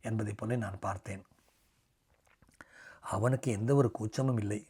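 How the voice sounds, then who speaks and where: Husky low-voiced older man reading a story. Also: steady tone. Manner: measured, softly dramatic storytelling, dropping to a whisper at times. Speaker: story reader. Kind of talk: scripted reading of a short story.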